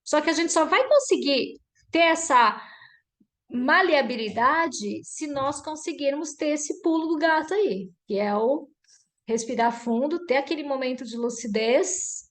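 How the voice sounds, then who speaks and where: Woman workshop mentor on a video call, fairly high voice, animated, loves to act out examples. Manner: lively, acts out example dialogues. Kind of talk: online group mentoring.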